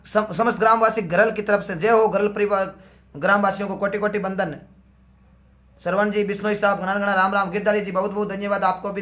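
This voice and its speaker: A man's voice: high voice, fairly bright tone. A man with a sore, strained throat, hosting a live stream and greeting viewers by name one after another. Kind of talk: live stream chat, reading out viewer comments.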